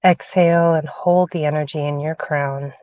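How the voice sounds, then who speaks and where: Speaking at a moderate pace with a deep, clean, fairly even voice, a woman hosts a spiritual livestream into her phone from inside a cramped parked car. This channeler chats casually with viewers she calls darling and sweetheart, then guides a meditation while still getting over a cold, sucking a cough drop. The recording is dull, lo-fi and very dry, with no room echo.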